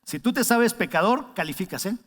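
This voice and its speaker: A man preaches in a high, lively tenor that rings through a reverberant church hall. He keeps things conversational and keeps putting questions to the congregation. Now and then he acts out a shouted warning. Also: brisk, breathy edge. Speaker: pastor. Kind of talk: sermon.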